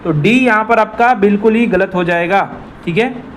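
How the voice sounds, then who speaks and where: A man with a high-pitched voice explains exam questions one by one. He talks straight to his viewers and keeps repeating the right answers. A faint noise hums under the recording. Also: normal speed. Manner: repetitive, addresses viewers as friends. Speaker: Hindi exam tutor. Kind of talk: explanatory quiz walkthrough.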